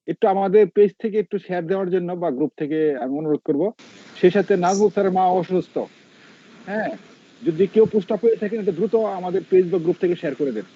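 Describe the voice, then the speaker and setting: A man's voice: sits high, rapid-fire, no echo, lo-fi sound. A man breaking into an online class with a polite, urgent request that he repeats several times. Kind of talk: announcement during an online class.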